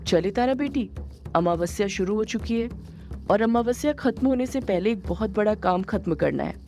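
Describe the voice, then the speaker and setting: A woman's voice: mid-range voice, animated, moderate pace, a little mellow, close to an everyday voice. A woman voicing a mock-sweet, cruel male villain in a horror story. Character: menacing male villain commanding an army of the dead.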